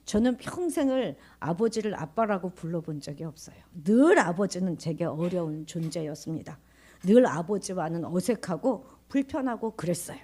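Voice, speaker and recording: A woman pastor preaching a sermon in church, swinging from raised, emphatic lines to hushed whispers and often putting questions to the congregation. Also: on the low side, animated, moderate pace, husky. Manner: conversational, asks the congregation questions.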